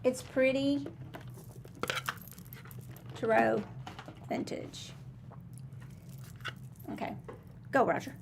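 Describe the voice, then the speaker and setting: A woman co-hosting a casual live chat and giving tarot readings, talking in quick restarts and laughing easily. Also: high-pitched, steady tone, vocal fry, a little hiss or hum. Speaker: co-host and tarot reader.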